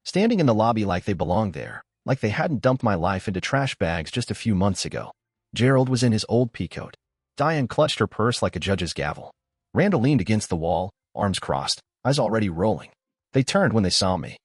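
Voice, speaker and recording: Young male narrator, first-person story, lively intonation, dry close sound. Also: lowish voice, normal speed, husky, no room sound.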